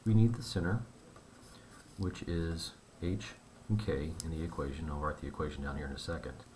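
Low-voiced guy walking through a math problem, laid back, bit of faint room noise. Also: normal speed. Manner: relaxed, conversational explaining with fillers. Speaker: math teacher. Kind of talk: whiteboard math lesson.

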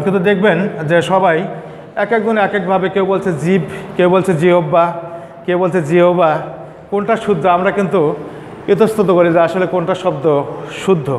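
A man giving a classroom lecture, explaining slowly and repeating example words. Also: high voice, slight background noise. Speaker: teacher. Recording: echoey room with faint ambience.

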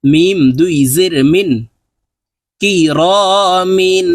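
Slow, drawn-out male Quran reading teacher. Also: sits high, steady tone, no room sound, studio quality. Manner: spells each syllable, then draws out the joined word. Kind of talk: slow spelled-out Quran letter drill.

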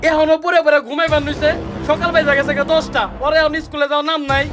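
An angry dad yelling at his kid, super high pitched, music loud. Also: flat delivery, quick pace, a crowd in the background. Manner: yelling, cursing scolds. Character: short-tempered scolding father.

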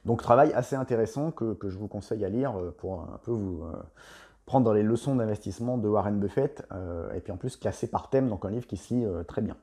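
A man in his thirties giving a relaxed book review to camera at home, talking hesitantly with many fillers into a lapel mic. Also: on the low side, fairly quick. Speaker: investing blogger and author. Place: home room with bookshelves, indoors.

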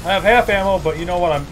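An excitable man with a high, light voice commenting on his gameplay, loud and swearing freely. Game music runs strongly under his talk. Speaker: gaming video creator.

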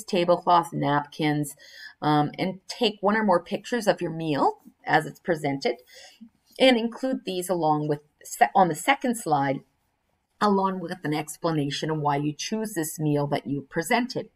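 Sitting indoors at a computer, an older woman with a voice on the low side teaches a recorded screen-share lesson. She reads the instructions aloud and explains the assignment step by step, with fillers and self-corrections along the way.

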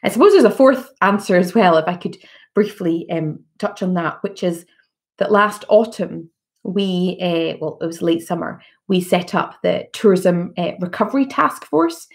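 Scottish woman, 30s, low voice, gravelly fry, measured answers, laptop webcam. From Scotland. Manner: measured, many fillers and restarts. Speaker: politician answering constituent questions. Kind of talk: virtual town hall Q&A. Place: living room at home. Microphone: laptop webcam on a video call.

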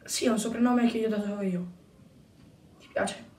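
A woman voicing a calm adult man who speaks quietly and teases the others, in a homemade toy-brick film. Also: mid-range voice, moderate pace, voice pushed down, natural voice. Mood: easygoing. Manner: laid-back, quiet, teasing. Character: calm joking adult man, group member. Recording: roomy, distant mic.

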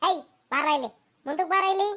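A woman voicing a quarrelsome old village grandmother in a cartoon, who scolds in a rapid village dialect and calls people over loudly. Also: extremely high pitch. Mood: scolding.

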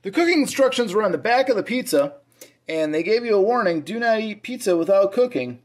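A man's voice: high voice, very animated, fairly quick. An easygoing man in his forties reviews a frozen pizza at his dining table, chatting to his son. He slips in plenty of ums and likes. The sound comes from a camera across the table in a roomy home with a noticeable echo. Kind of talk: casual food review chat.

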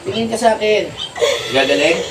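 Faith healer, stern prodding questions, lively pitch, gravelly edge, far from the mic, loud background noise. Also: fairly quick. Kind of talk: questioning a spirit during a healing session.

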